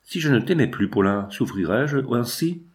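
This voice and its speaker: A man's voice: mid-range voice, expressive, normal speed, close to an everyday voice. Man reading as an earnest, pleading young girl. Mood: hurt. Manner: pleading, emotional. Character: grieving fifteen-year-old girl, earnest and compassionate. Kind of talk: audiobook reading.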